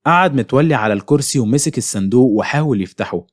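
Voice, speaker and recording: A man with an Egyptian Arabic accent tells a horror story at a brisk clip. His voice sits at a middle pitch, and his delivery stays suspenseful. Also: animated. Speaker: narrator.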